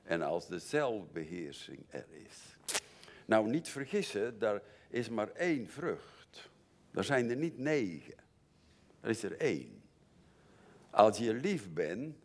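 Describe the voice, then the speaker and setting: An older man preaching a sermon in an earnest way, moving from quiet confession to emphatic warnings. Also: on the low side. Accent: Dutch.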